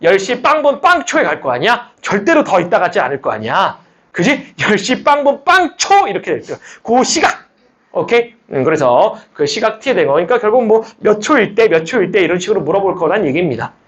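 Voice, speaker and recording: A man's voice: sits high, brisk, slightly rough. A middle-aged man teaching math to a class, explaining step by step, teasing his students and asking them questions as he goes. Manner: lively, jokey teacher who teases students and asks questions back.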